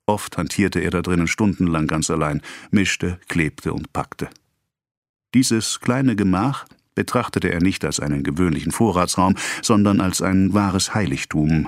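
A man's voice: sits low, no echo, studio quality. Man reading a classic novel aloud. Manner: measured, even storytelling. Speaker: audiobook narrator. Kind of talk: literary audiobook narration.

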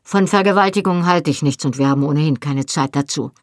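A reader voicing a stern, commanding man who leads a band of Highland men in an audiobook, speaking with authority that allows no argument. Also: fast talker, no echo, clean studio sound, close to an everyday voice. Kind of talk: audiobook reading.

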